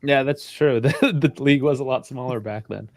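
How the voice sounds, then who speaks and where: A man's voice: medium pitch, normal speed. A man hosting a sports call-in show, loose and laughing, swearing casually. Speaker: host.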